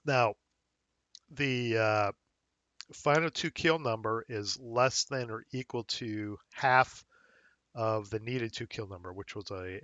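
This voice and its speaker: A man hosting a wargame rules tutorial, talking casually and thinking aloud with fillers as he checks the rules, a little hoarse. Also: medium pitch, a bit bright, no echo, dull audio. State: slightly hoarse, losing his voice. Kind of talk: screen-recorded game rules walkthrough.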